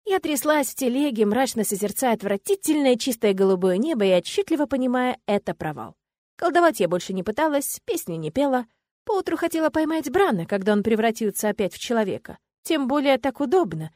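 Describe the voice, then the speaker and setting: Woman narrator, audiobook, slightly high voice, expressive, dry close sound. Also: brisk, no room sound. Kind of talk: first-person novel narration.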